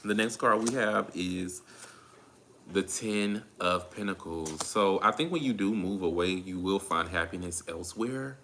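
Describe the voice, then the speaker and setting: Very deep-voiced laid-back Southern man. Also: pushed and bright, slight background noise. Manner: laid-back, drawn-out, repeats phrases while calling on spirit. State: tired, drained. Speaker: tarot reader. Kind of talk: casual tarot reading monologue.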